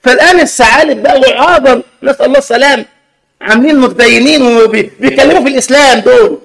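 A man's voice: very high voice, fast, creaky, a bit bright. A man with an Egyptian Arabic accent preaching a sermon, emphatic and scolding with rhetorical questions.

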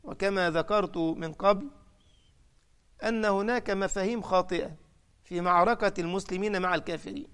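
A fairly quick, clean, rather bright voice, high for a man, carries this Egyptian-accented sermon. He narrates dramatically, lifting his voice on quoted cries and striking the key points firmly.

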